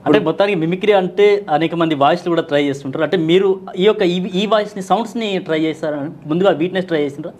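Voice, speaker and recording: A man who anchors a news channel, interviewing a guest in the studio with brisk, prompting questions. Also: high voice, a little mellow.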